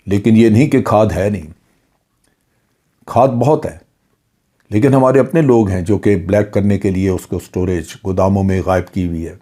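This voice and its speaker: Low, mellow older man giving political commentary. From Pakistan. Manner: earnest, lecturing delivery with rhetorical questions. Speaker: retired general and political analyst.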